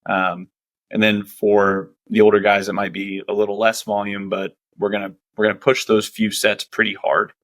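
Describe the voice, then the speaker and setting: Guesting on a podcast, a strength and conditioning coach chats casually in a lowish, slightly bright voice at normal speed with a flat delivery. He's laid-back, laughs a lot and talks loosely with plenty of fillers. There's no room sound.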